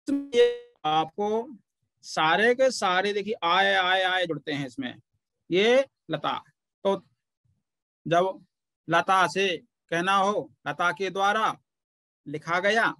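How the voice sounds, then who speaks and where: Man, Pali grammar teacher, slow patient explaining, slightly high voice, dry close sound. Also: sharp tone, no echo. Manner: slow, patient explaining, often pausing to point things out. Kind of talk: online grammar lesson.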